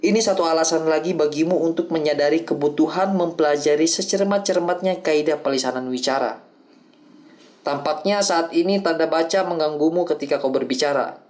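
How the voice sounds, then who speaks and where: A man reading the lines of an older male acting teacher who explains things calmly and patiently in an audiobook. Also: fairly high pitch, fairly quick, close to an everyday voice. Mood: instructive. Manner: calm, explanatory lecturing.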